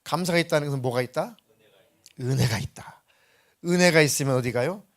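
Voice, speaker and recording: Male pastor, church sermon, emphatic, asks rhetorical questions, fairly high voice. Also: a little fast. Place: church sanctuary.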